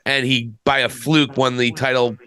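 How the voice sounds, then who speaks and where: A man's voice: mid-range voice, level tone, moderate pace, bright, forceful tone, clear, resonant tone. A man co-hosting a podcast, giving casual, opinionated wrestling commentary in a blunt, emphatic way.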